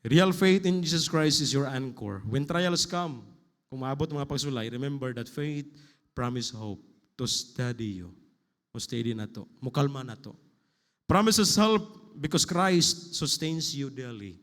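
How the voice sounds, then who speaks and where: A man's voice: mid-range voice, expressive, a little slow, a bit bright. A male pastor preaching a sermon, switching between Cebuano and English. He reads scripture aloud and builds emphatic, rising lists. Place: church sanctuary. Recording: hall reverb.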